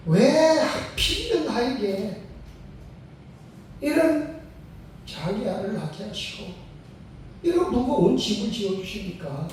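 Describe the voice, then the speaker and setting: A man's voice: high voice, very animated, slow, pauses often, slight background noise, pitched above the performer's own voice, heavily acted. A man voicing a distressed young mother who cries out to God in prayer, heard in a very echoey hall. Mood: pleading. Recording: very echoey sanctuary, mic far off.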